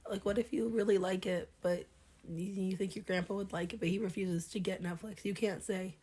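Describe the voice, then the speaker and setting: A young woman co-hosting a podcast, hoarse from a cold, chatting casually in a self-deprecating way. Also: medium pitch, steady tone, brisk, mellow. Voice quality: husky. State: sick, hoarse voice. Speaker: podcast co-host. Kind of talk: casual chat.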